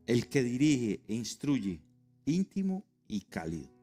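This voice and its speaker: A man's voice: mid-range voice, very animated, measured pace, dark tone, soft background music. A middle-aged man preaching a sermon to his congregation, emphatic and joking, spelling out words for them. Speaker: pastor. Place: church sanctuary.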